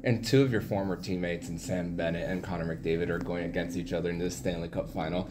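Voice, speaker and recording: A man's voice: low-pitched, steady tone, fast, noisy background. A man, a reporter, putting direct questions to a player after a game. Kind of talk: asking press questions.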